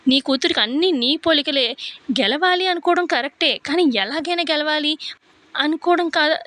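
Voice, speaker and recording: Stern matriarch, firm and scolding, high voice, played by a woman. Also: bright, forceful tone, no echo. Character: stern righteous older matriarch.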